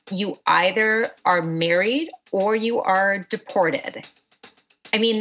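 A woman journalist being interviewed, telling a story in an animated, vivid way. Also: lowish voice. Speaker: journalist guest. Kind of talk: interview recounting.

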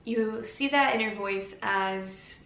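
A woman hosting a solo podcast, talking calmly and gently in an encouraging way. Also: mid-range voice, takes it slowly, gravelly. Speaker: podcast host. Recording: echoey room with faint ambient noise.

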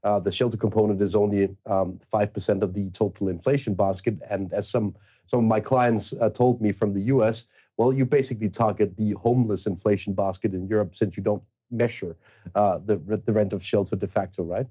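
Husky, low Danish-born male host. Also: steady tone, brisk, warm tone, lo-fi sound. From Denmark. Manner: long, thoughtful framing of questions. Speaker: podcast host. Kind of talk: interview questions.

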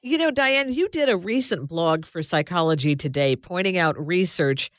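A woman's voice: fairly low pitch, animated, moderate pace. A woman podcast interviewer putting questions in a conversational style.

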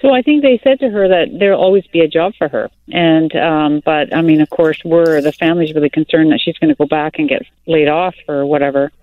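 A woman phoning in to a radio advice show, her voice thin and tinny from the phone line and dry. She talks in a hesitant, halting way with lots of fillers. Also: sits low, no echo. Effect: phone line on air. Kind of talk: casual phone call.

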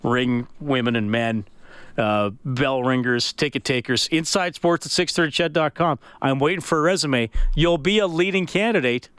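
A man's voice: mid-range voice, normal speed, fairly bright tone, clean tone, no room sound. A man casually hosting a sports radio show.

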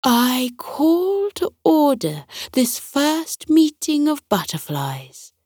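A grand female butterfly who leads the meeting, put on by a woman reading a bedtime story. She speaks formally and stately, pitched high and drawn out slowly. The room is dry, with no echo. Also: huge pitch swings, darkish tone, full character voice.

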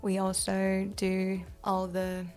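A young woman with a Korean accent talks casually in an interview, her speech peppered with "like" and easy laughter. Her voice sits at a middle pitch, with faint music playing underneath. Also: monotone, slow, a little mellow. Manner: chatty, many filler "like"s, laughs easily. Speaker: interviewee, cabinet-making apprentice.

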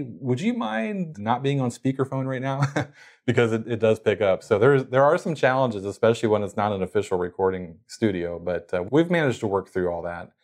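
Interviewed as a guest, a lowish-voiced man talks casually about running his company's podcast. He restarts sentences a lot and leans on fillers.

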